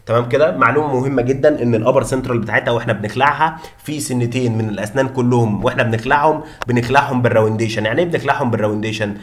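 A man's voice: mid-range voice, racing, few pauses. A young man with an Egyptian Arabic accent tutoring dental anatomy, repeating each point and quizzing listeners with rhetorical questions. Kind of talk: fast teaching lecture.

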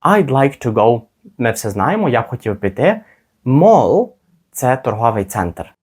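A man teaching a spoken English lesson, modelling phrases slowly and carefully for listeners to repeat. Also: medium pitch, big pitch swings, darkish tone, slightly rough.

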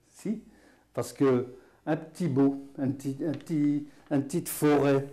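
A man's voice: medium pitch, fairly even intonation, slow, dark tone. A man with a Picard accent teaching patois words in a folksy, chatty way, full of fillers and chuckles. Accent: Picard (Hainaut). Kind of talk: casual spoken lesson.

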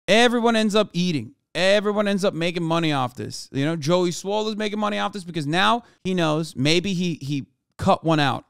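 30s guy streaming from home, swearing a lot and ranting, kinda high voice, dry close mic. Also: smooth, no echo. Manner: profane, ranting, exasperated. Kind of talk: live stream commentary. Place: home streaming room, indoors. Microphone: studio mic on boom arm.

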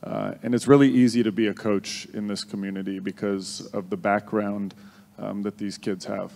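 A man in his forties, a basketball coach answering interview questions in a relaxed, hesitant way on a handheld mic in a large sanctuary. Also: lowish voice, moderate pace, creaky. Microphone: handheld microphone. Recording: long hall reverb.

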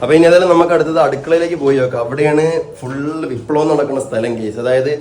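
Fast-talking chatty man vlogging. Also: fairly high pitch, a little mellow, slight background noise. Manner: chatty, rambling, addresses viewers directly; teasing with family. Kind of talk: casual vlog narration to viewers.

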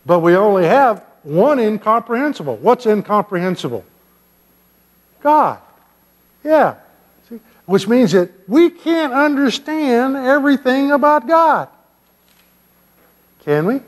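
An older man, a pastor giving a children's sermon in a church sanctuary, gently and playfully asking the kids questions. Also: very high-pitched, very animated, takes it slowly, long pauses. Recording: long church reverb.

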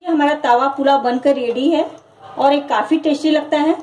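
A woman hosting her own cooking channel, calmly walking through a recipe step by step in her home kitchen. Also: sits high, normal speed, slight background noise, poor audio. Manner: calm, instructive, repeats each step. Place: home kitchen, over frying sounds.

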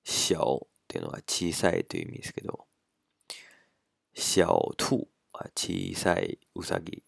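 Slow, deep, gravelly male teacher. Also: very animated, a bit bright, dry recording, studio quality. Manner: slow, careful, drawn-out pronunciation drills. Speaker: language teacher. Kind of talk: casual spoken lesson.

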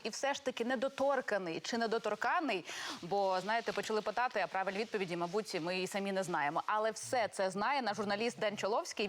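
A woman hosting a morning TV show, bantering briskly with her co-host. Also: mid-range voice. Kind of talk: studio TV chat.

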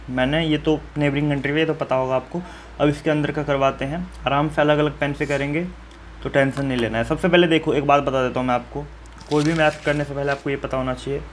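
A fairly high-pitched male voice, with a little hiss or hum underneath, leads a school lesson on filling in a map. He goes step by step, keeps a friendly, reassuring tone, and regularly asks the audience questions.

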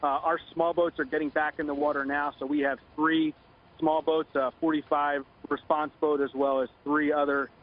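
A middle-aged man giving a halting official briefing in a live news interview over the phone. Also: on the high side, flat delivery. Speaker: Coast Guard commander, phone interviewee. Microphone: phone line. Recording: dull lo-fi phone line.

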